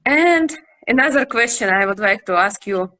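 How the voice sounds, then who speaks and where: A woman's voice: medium pitch, expressive, low-quality recording. A woman hosting an interview, asking questions and eagerly agreeing with her guest's answers. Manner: warm, encouraging, quick to agree. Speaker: interview host.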